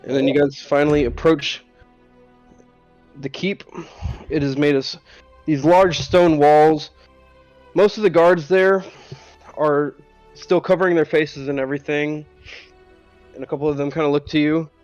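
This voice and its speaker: A man's voice: a little high, fairly even intonation, unhurried, long pauses, a little mellow, muffled recording, soft background music. A man narrating a tabletop fantasy game as game master in a casual, loosely improvised way. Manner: casual, frequent "kind of" and "like".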